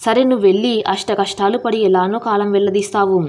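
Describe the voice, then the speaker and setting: An anguished young husband speaks with firm resolve in a storybook tale, read by a woman. His lines stay earnest and steady. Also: mid-range voice, fast talker, natural voice.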